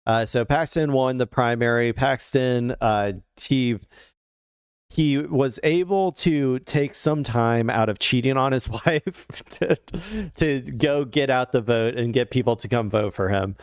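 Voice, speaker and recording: A man's voice: medium pitch, measured pace, clear, resonant tone, no echo, studio quality. A man commenting casually on political news clips, rambling with frequent fillers and restarts.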